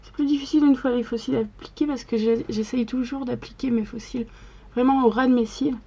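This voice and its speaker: A young woman talks casually through a makeup tutorial, explaining each step as she goes. Her voice is a little high, soft and slightly husky. The audio is muffled, like a camera's built-in mic. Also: steady tone, brisk. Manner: chatty, step-by-step narration. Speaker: makeup vlogger.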